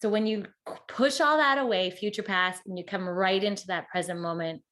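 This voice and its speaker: A woman's voice: medium pitch, a bit bright. A woman author being interviewed, speaking passionately in a casual way, with frequent "like" fillers. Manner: passionate, talks in quick bursts with many "like" fillers. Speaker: author and guest.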